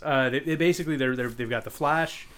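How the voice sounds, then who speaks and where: A man's voice: mid-range voice, a little fast, fairly bright tone, clear, resonant tone. A man co-hosting a podcast in casual chat, rambling and joking with many restarts. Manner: rambling, jokey, lots of restarts. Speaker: podcast co-host.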